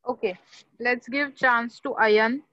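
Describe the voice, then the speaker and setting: High-voiced woman teaching online. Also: steady tone, drawn-out words, bright, forceful tone, no room sound, highs cut off. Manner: mixes Hindi and English, encouraging. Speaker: Sanskrit teacher. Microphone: video call.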